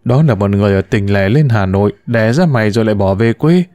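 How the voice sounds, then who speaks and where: A man's voice: fairly low pitch, animated, quick pace, darkish tone, natural voice. A man voicing an older woman in her sixties, an adoptive mother who talks bluntly and dismissively. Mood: evasive.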